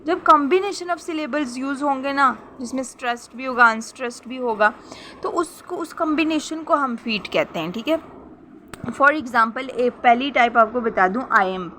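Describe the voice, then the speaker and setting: Bright-voiced woman teaching a lesson. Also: high-pitched, lively intonation, unhurried, a little hiss or hum. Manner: patient, repeats points and checks understanding. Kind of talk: explanatory lesson in Hindi-Urdu with English terms.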